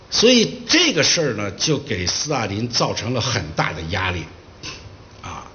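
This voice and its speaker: A man giving a public history lecture, telling the story in a lively way and acting out the quoted dialogue. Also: medium pitch, highs cut off, slight background noise.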